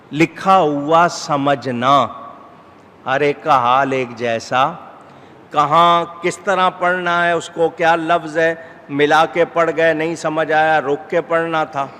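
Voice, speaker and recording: A middle-aged man delivering a sermon as an Islamic scholar, measured in tone and rising to emphatic exhortation. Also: a little high, fairly bright tone. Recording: hall reverb with faint background noise.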